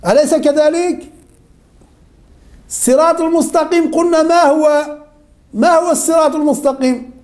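A woman with a high-pitched voice leads an interactive religion lesson. She keeps asking the same question again and again and calls on her students by name until someone answers. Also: steady tone, moderate pace, pauses often, a little mellow. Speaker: religion teacher.

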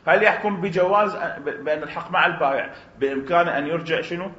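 Fast-talking Iraqi man lecturing a class. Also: fairly high pitch. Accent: Iraqi Arabic. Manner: animated, fast, poses rhetorical questions and acts out dialogues. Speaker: teacher. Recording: roomy, dull recording.

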